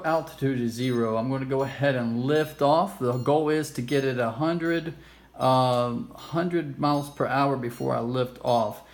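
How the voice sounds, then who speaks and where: Clearly noisy amateur audio captures a man presenting a retro game play-through, showing the game hands-on and chatting informally with nerdy, self-amused enthusiasm. His voice is fairly high-pitched and a little mellow.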